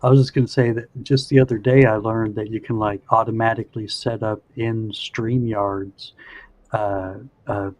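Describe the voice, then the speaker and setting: A livestream host with a fairly low, somewhat dark voice chats casually. He explains things in a meandering way, leaning heavily on "you know."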